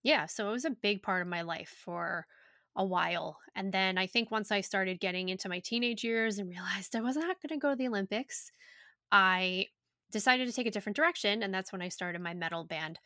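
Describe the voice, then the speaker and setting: A woman hosting a casual podcast, chatty and profane, her voice a little raspy. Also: mid-range voice, brisk, sharp tone, no echo, clean studio sound. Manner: chatty, loose and profane, with many likes. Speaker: podcast host and yoga teacher. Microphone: home podcast microphone.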